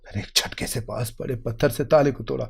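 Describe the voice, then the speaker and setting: A man's voice: medium pitch, fairly even intonation, creaky, slightly rough. A man narrating an emotional moral story in an earnest, heartfelt reading.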